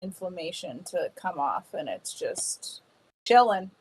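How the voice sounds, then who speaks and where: Co-hosting a podcast over a video call, a woman keeps things casual and jokey, blunt, swearing and laughing a lot. Her voice is lowish and very animated, with a slow pace and a breathy edge.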